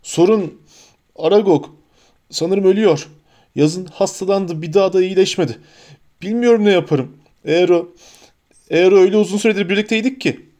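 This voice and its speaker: A man voicing a huge, gruff but soft-hearted half-giant groundskeeper in an audiobook, grumbling and sulky. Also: high voice, fast talker, voice pushed up, close to an everyday voice. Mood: tearful. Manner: grumbling, sulky, then sobbing.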